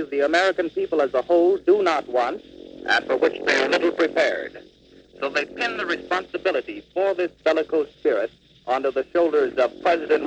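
A man's voice: fairly high pitch, gravelly. Man reporting over crackly old shortwave radio. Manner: formal, measured delivery. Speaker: foreign correspondent. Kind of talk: live news report.

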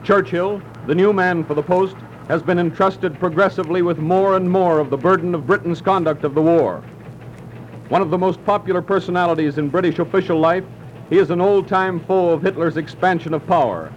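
A male announcer with a slightly raised pitch reads bulletins in a crisp, clipped manner. His voice comes through an old newsreel-style archival broadcast, muffled and dulled. A faint hiss sits under it. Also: brisk. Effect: old newsreel-style archival broadcast sound. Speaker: radio news announcer. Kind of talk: formal news bulletin reading. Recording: muffled, hissy old radio recording.

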